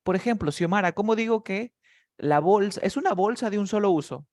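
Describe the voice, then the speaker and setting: A man's voice: sits high, expressive, brisk, darkish tone. A man teaches beginner English, patiently repeating words and calling on his students one by one. His voice sounds close and dry, with no room echo. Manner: patient, drills words and asks students by name. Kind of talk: live online class teaching beginners.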